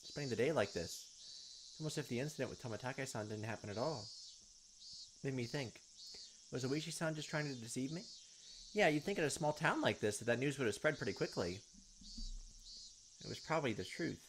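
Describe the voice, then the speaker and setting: Winter weather has left this host's throat sore and scratchy, yet his mid-range voice stays expressive and brisk, broken up by long pauses. Between reading visual novel text aloud, he drops casual, wry comments over background music.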